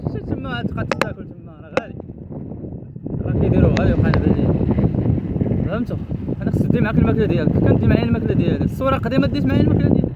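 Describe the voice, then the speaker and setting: A man's voice: high-pitched, lively intonation, muffled recording. A man with a Moroccan accent chatting casually to viewers in a loose, repetitive way, recorded outdoors with wind on the mic. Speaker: cycling travel vlogger. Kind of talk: casual vlog chat to viewers. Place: outdoors on a coastal bike trip. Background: loud wind-like rushing noise.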